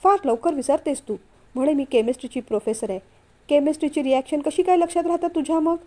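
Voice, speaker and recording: A woman reads out a young husband who teases and coaxes his shy wife. The voice stays high and mellow, with an easy storybook tone. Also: quick pace. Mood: coaxing. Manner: teasing, coaxing. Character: affectionate playful young husband. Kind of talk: storytelling read-aloud.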